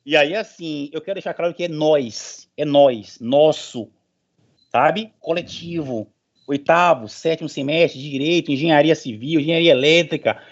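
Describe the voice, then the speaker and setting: The professor's voice is a little high and his pace moderate as he speaks to an online meeting. This middle-aged man keeps things informal, emphatic and rousing, repeating phrases, while the online call audio sounds dull and lo-fi.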